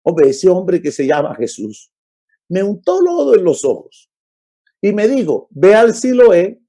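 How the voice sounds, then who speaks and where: A man's voice: high voice, sing-song, a little slow, mellow, heavily acted. A man voicing a plainspoken young man who was once blind, telling simply and earnestly how he was healed.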